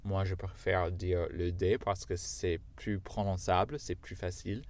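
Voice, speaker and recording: A man's voice: low voice, little pitch movement, unhurried, darkish tone. A man whose first language is English, speaking French with an American accent, patiently teaching a language lesson step by step.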